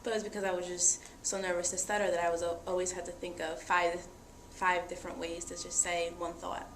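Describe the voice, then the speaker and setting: The interviewee, a young woman, talks about her own life with earnest reflection, her lowish voice quick and flat. It's personal testimony in a conversation, recorded in an echoey space with a little noise.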